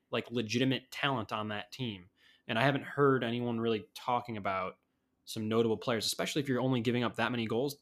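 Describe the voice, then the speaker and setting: A man on a sports podcast who thinks out loud, trailing through fillers and restarts. His voice sits at a middling pitch in a casual chat. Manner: rambling, thinking aloud with fillers. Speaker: podcast co-host.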